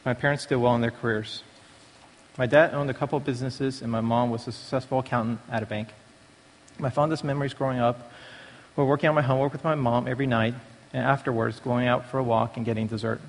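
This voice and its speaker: A man born in Taiwan and raised in the United States from age five delivers a prepared personal testimony at a church recovery meeting. He talks fast, with a medium-pitched, steady voice, and the large hall gives the recording a long reverberant echo.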